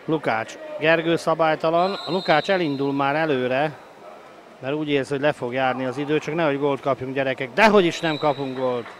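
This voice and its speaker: A man giving excited, openly partisan live play-by-play sports commentary as he roots for his team. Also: fairly high pitch. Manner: excited, breaking into shouted goal calls. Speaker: sports commentator of a water polo match. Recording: noisy live sports venue ambience.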